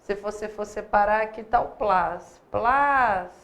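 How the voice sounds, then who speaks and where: A woman's voice: medium pitch, measured pace, a bit bright. A woman with a Brazilian accent teaching a live online grammar class, in a conversational manner with many rhetorical questions. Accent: Brazilian Portuguese. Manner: conversational, asks rhetorical "né?" often.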